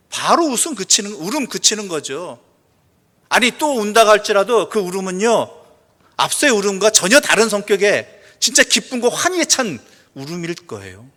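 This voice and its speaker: A male pastor preaching a sermon, asking the congregation questions, answering them himself, and reading scripture slowly and softly. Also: sits high. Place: church sanctuary. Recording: long church reverb.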